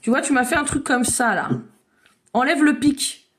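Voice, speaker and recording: A woman leading an online drawing workshop for children, guiding them with lively, encouraging make-believe storytelling over a video call. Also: high voice, moderate pace. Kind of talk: playful storytelling drawing lesson for kids.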